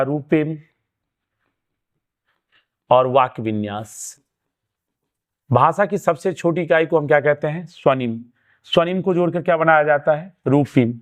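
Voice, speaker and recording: Hindi-speaking man teaching an exam lesson. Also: fairly high pitch. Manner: explaining step by step, asking and answering his own questions; urging students to keep watching.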